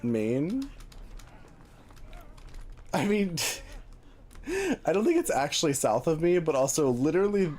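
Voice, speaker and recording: An American man chatting casually as a livestream host while gaming, with an animated, conversational manner. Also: fairly high pitch, takes it slowly, pauses often, a little hiss or hum. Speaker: live streamer host.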